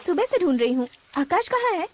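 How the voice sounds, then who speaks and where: A woman's voice: extremely high pitch, sing-song, a little fast. An actress playing a headstrong young woman who scolds her politician father in a dubbed film. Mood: scolding. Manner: sharp, scolding. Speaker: minister's daughter. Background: film score.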